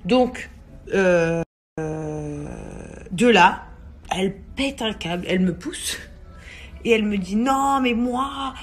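A young woman, a mother and vlog host, casually telling a story to camera with many hesitations and animated quoted dialogue. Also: fairly low pitch, slow pace, long pauses, soft background music.

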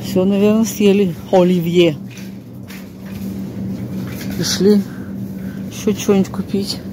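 Speaking slowly with fairly even intonation, an older woman rambles to herself as a casual vlogger, folksy and exclamatory, fond of playful diminutives. She films on a handheld phone in a shop, on a bus, on a snowy street and in a flat. The recording is noisy, with vehicle rumble.

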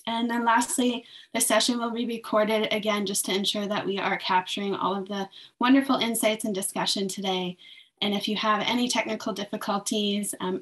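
A woman's voice: mid-range voice, fairly bright tone. Woman facilitator giving workshop instructions. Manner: friendly, filler-heavy instructions. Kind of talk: giving housekeeping instructions on a video call. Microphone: video call.

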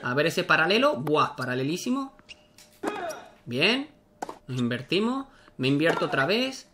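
A man giving excitable, casual commentary on his own gameplay, talking to himself as he plays. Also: on the high side, measured pace, noisy background. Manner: excitable, talks to himself while playing. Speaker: gaming YouTuber.

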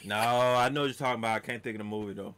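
A man's voice: fairly low pitch, steady tone, racing, fairly bright tone, smooth. A man hosting a reaction video, reacting with slangy asides and hyping up his viewers. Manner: hypes up the audience with slangy asides. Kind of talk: casual reaction commentary.

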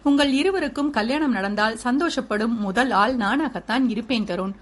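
A woman reading aloud, voicing a gentle older sister-in-law who pleads softly. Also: fairly high pitch, moderate pace, close to an everyday voice. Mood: soft, pleading. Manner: soft, pleading.

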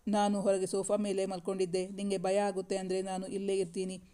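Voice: medium pitch, completely flat delivery, a little fast, mellow, clean tone, close to an everyday voice. A narrator reading the lines of a tired, guarded young man in an audiobook romance novel. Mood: weary.

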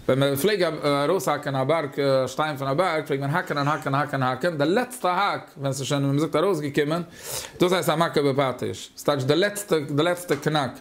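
A Talmud teacher with a Yiddish accent talks a little high, stumbling forward haltingly while repeating words and filling pauses often.

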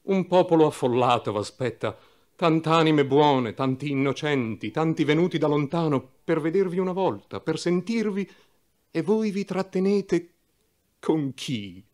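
A man voicing a tormented, repentant middle-aged nobleman who pleads in a hushed, broken, sobbing voice. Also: on the high side, expressive, a little slow, pitched above the performer's own voice. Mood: pleading.

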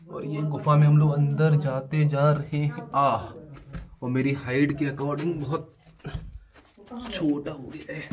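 A man in his thirties chats easily to the handheld camera he carries. He walks along outdoors and then squeezes through a cramped, dark cave, still talking the whole time. His pitch sits in the middle range for a man. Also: a little hiss or hum. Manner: chatty, talks to the camera while walking. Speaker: vlogger. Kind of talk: casual travel vlog narration. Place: outdoors on a hill path, then inside a narrow dark cave. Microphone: handheld camera at arm's length.

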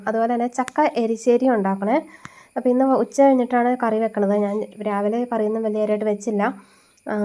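A woman's voice: a little high, warm tone. A woman in her thirties with a slightly nasal, stuffy voice from a cold, chatting homely and step by step as she cooks for a vlog. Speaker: home cooking vlogger. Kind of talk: casual chat while cooking.

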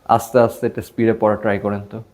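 Man, Bangladeshi Bengali accent, young adult, English teacher, casual classroom talk, lowish pitch. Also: moderate pace, darkish tone. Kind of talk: classroom lesson.

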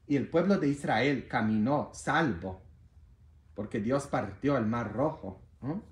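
A man preaching a sermon as a priest, playful and animated, with bursts of shouting. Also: medium pitch, unhurried. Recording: roomy echo.

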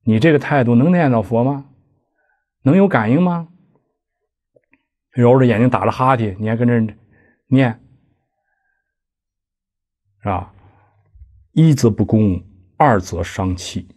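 A man's voice: mid-range voice, measured pace, long pauses, a little mellow. A man giving a lecture, explaining a classical text line by line with conversational asides and rhetorical questions. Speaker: lecturer on Buddhist practice. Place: lecture hall.

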